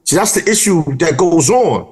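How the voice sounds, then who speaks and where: Animated man with a lively voice. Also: a little high, normal speed. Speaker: podcast co-host. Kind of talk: casual podcast chat.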